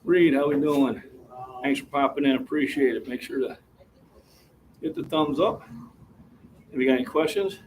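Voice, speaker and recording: Chatty and a bit winded between sets, a man in his sixties talks to his livestream chat from an indoor gym floor. His mid-pitched, slightly mellow voice moves at a moderate pace with long pauses as he catches his breath. The camera mic is set back from him, picking up a faint hum of the room.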